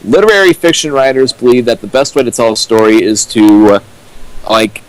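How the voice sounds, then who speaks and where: A young man co-hosting a fanfic riff on a stream holds forth on writing theory in casual chat, earnestly lecturing with many fillers. His medium-pitched voice is fairly quick, and the home mic gives poor audio.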